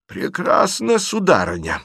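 A man voicing a sharp-tongued, blunt elderly aunt who scolds her niece in an audiobook reading. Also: high voice, wildly swooping pitch, unhurried, creaky, breathy edge, no room sound, clean studio sound, voice pushed up, full character voice. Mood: scolding.

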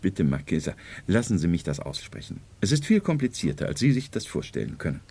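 A man acting a calm, self-assured doctor in a 1970s radio drama, explaining in a measured, lecturing way. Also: sits low, vocal fry, slightly rough, exaggerated voice. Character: learned doctor, calm, lecturing, sure of himself.

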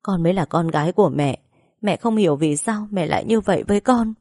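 A grief-stricken mother, middle-aged and full of remorse, voiced by a woman reading the story. Her tearful, choked voice sits low and warm, heard close and dry. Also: fairly quick, no echo. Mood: remorseful. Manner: pleading, broken apologies.

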